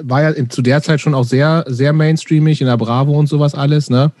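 A man hosting a casual interview, asking relaxed, steering questions. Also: a little high, fairly quick, no echo. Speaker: podcast host.

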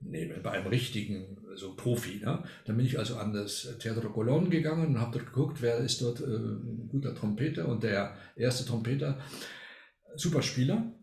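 A man's voice: medium pitch, moderate pace, vocal fry, a little mellow, reverberant. An older man from Argentina, a retired music professor, telling a story at length as an interview guest, with frequent hesitation fillers. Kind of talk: casual interview.

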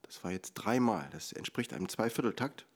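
A man teaching music in a relaxed lesson. He explains rhythm calmly, counts the beats out loud, and drops to a whisper on the light beats. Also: lowish voice, brisk, background noise. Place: recorded at home and outdoors on location.

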